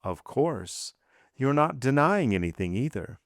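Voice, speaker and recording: A man's voice: mid-range voice, sing-song, a little slow, no room sound, studio quality, voice pushed up. A man reading aloud, voicing a stern magistrate who questions his wife in a blunt, commanding way. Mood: accusing. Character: cold, stern magistrate husband.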